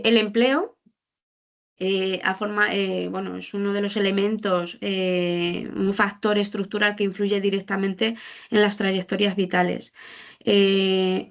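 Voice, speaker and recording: Presenting findings from a social policy report, a woman explains informally and hesitantly, often rephrasing or repeating what she's said. Her voice is medium-pitched with vocal fry.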